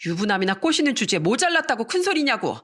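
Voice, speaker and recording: A woman voicing a fiery, loyal younger sister-in-law who talks back loudly and defiantly. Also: on the high side, big pitch swings, fast talker. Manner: loud, defiant.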